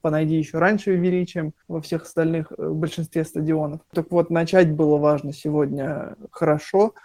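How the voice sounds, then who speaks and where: A man giving a halting post-match football analysis, with many fillers and restarts. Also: on the high side, flat delivery, darkish tone, dry recording. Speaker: football pundit.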